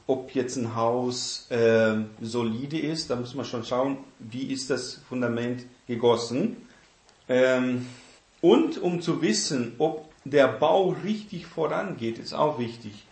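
A man's voice: mid-range voice, echoey room. A man teaching a Bible study lesson, explaining step by step and repeating his key words.

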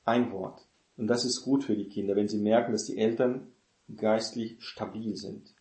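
A man's voice: on the low side, steady tone, normal speed, mellow, echoey room. A man giving an informal sermon on parenting, rambling and searching for words, tagging his sentences with "ne?". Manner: self-correcting, searches for words. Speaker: preacher teaching on parenting.

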